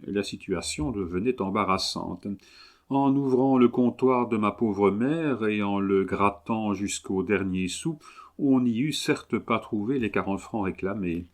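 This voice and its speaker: A man narrating a memoir aloud in a measured, expressive reading. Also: fairly low pitch. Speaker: audiobook reader. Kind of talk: scripted narration.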